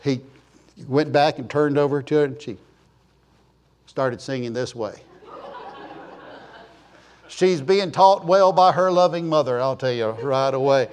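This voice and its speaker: A mid-range voice, unhurried and marked by long pauses, belongs to a man in his sixties preaching in church. His talk is folksy and rambling, built on jokes, stories, and chatty asides to the congregation.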